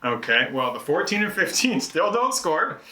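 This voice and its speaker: A man with a bright, cutting voice talks a card game through while he plays, explaining each move aloud. He is chatty and jokes at his own expense. The sound bounces around an echoey room. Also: a little high, very animated, moderate pace, a little hiss or hum. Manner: chatty, self-deprecating, explains moves aloud. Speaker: board game publisher host teaching rules. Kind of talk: rules teach during live play. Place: indoors at a game table.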